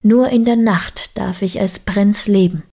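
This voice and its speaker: A woman's voice: medium pitch, unhurried, dark tone, slightly rough. A woman voicing a cursed young prince who speaks earnestly, near her own voice. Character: cursed young male prince, sad and secretive.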